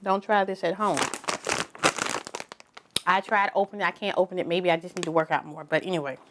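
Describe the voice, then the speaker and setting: A woman's voice: fairly low pitch, steady tone, brisk, background noise. A woman chatting casually on a snack review vlog, tasting as she talks and restarting her sentences. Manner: chatty, tasting food while talking, trailing restarts. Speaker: vlogger.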